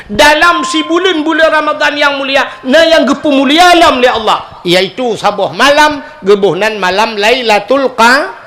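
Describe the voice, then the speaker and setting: A man with an Acehnese accent preaching a sermon, stressing key words with upward leaps and letting phrase ends fall low. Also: normal speed, pushed and bright, slight background noise. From Aceh, Indonesia.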